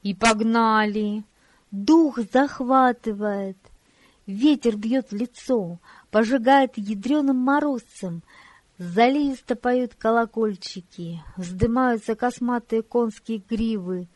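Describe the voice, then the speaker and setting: Slow, expressive woman narrator. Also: fairly high pitch, no room sound. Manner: expressive, measured reading. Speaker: audiobook narrator. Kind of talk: scripted storybook narration.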